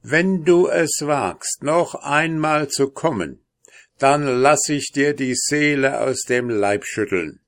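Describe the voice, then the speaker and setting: A man's voice: medium pitch, a little slow, a bit bright, voice pushed up. A man voicing a bold, cheeky young hussar soldier in a storybook reading.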